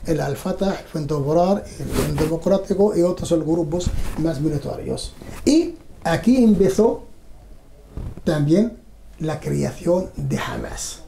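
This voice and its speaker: Middle-aged man, dark gravelly tone, slow halting testimony, roomy echo. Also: on the high side. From Palestine. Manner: measured, halting, with pauses. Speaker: documentary interviewee. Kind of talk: personal testimony. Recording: roomy echo, faint background hum.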